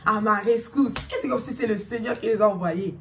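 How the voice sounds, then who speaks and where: A young woman telling a personal story to her viewers in a casual, animated, slangy and emphatic way. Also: mid-range voice, a little fast, distant mic.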